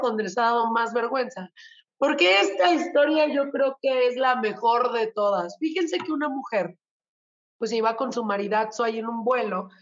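A Mexican woman hosts a casual talk segment, chatting in a playful, gossipy way. She acts out little quotes as she tells her stories. Her voice sits fairly high, and the recording sounds a bit dull and lo-fi. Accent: Mexican Spanish. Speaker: show host.

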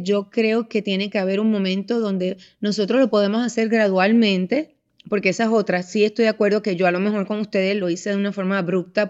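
A woman in her fifties, a mother chatting on a podcast, telling stories with lively acted-out voices. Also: medium pitch, lo-fi sound. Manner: animated storyteller, acts out voices in anecdotes. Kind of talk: casual podcast conversation.

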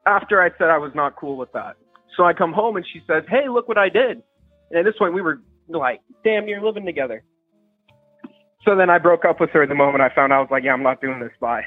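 A man's voice: fairly high pitch, expressive, a little fast, no echo, soft background music. A young man calling into a show, talking hesitantly and stammering. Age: young adult. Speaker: caller. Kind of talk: phone-in confession. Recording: tinny phone line.

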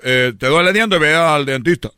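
Here is a man doing an easygoing Cuban fellow, a chatty Caribbean type with a bright, forward tone. The voice sits fairly high and sounds dry and close. It has a loose, mock-casual drawl. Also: moderate pace, clear, resonant tone, dry recording. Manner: parodic put-on drawl.

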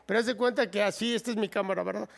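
A man's voice: sits high, steady tone, rapid-fire, creaky. A Mexican man in a casual chat, telling a rambling story and acting out the quotes.

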